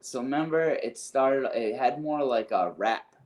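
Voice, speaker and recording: A man's voice: medium pitch, animated, a little slow, darkish tone. A man co-hosting a wrestling podcast in casual chat, rambling and hedging as he thinks aloud. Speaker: podcast co-host.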